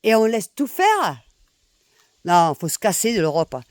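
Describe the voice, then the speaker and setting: A middle-aged woman from Nîmes with a southern French accent, delivering a heated, repetitive political rant full of swearing and loud outbursts. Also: mid-range voice, very animated, measured pace, dry recording. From Nîmes, southern France. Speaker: expatriate venting online.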